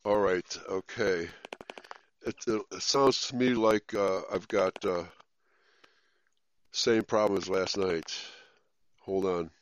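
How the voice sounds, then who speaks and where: A man teaching a Bible study online, halting and full of fillers, heard over a bad connection that keeps breaking up. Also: low voice, steady tone, slight background noise. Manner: halting, with many fillers and restarts. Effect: breaking-up bad internet connection. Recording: dull lo-fi dry call audio.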